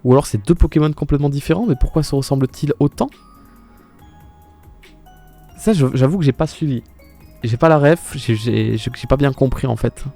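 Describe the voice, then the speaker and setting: A young male streamer with a mellow, dark-toned voice, chatting casually and exclaiming as he answers his viewers. Faint music plays behind him. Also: mid-range voice, moderate pace, gravelly, pauses often. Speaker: live streamer. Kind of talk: casual live-stream commentary.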